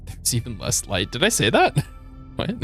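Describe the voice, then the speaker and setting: A man giving casual live game commentary as a streamer, with playful, slangy, expressive reactions. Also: mid-range voice, measured pace, soft background music.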